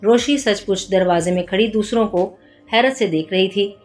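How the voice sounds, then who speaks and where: A woman reads a detective novel aloud in a steady storytelling voice. Her pitch sits at an ordinary level. Soft music runs underneath. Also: moderate pace. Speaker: narrator. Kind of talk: audiobook narration of a detective novel.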